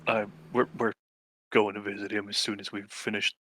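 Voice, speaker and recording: A man's voice: on the low side, level tone, normal speed, fairly bright tone, no echo, low-quality recording. A man chatting casually as a player in a tabletop role-playing game.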